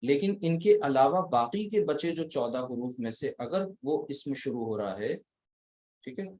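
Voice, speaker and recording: Slow, deliberate male grammar teacher. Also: medium pitch, lively intonation, darkish tone, low-quality recording. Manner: slow, deliberate, counting letters one by one. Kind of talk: recorded lecture at a writing board.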